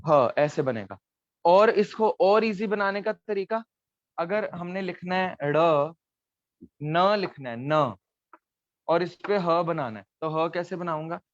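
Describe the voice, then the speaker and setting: Male teacher, patient step-by-step explainer, slightly raised pitch, dry dull recording. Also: slow, no room sound. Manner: patient, explains step by step, checks with "theek hai". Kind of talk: online Gurmukhi lesson at a board.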